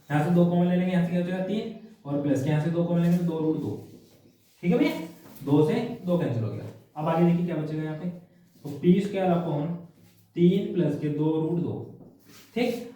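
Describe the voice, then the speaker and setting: Man, maths teacher, step-by-step explaining, rhetorical questions, high voice, heavy room echo, distant mic. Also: mellow. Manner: talks through each step, asking rhetorical questions; habitual "है ना" and "ठीक है भैया" tags. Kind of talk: worked-problem maths lesson.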